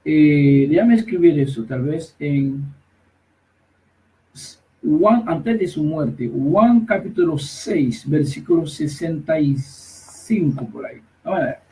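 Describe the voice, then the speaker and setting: A man preaching a sermon online, reading scripture aloud in halting pieces and emphatically challenging listeners to check their own Bibles. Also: on the high side, lively intonation, dark tone, far from the mic, low-quality recording. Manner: reads scripture aloud slowly with halting pauses.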